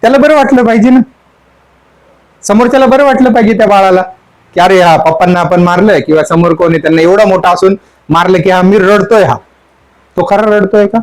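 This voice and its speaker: High-voiced man preaching in questions. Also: steady tone, a little fast, poor audio. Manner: asks the audience question after question; repeats the song line again and again. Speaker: spiritual teacher. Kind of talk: sermon explaining song lyrics.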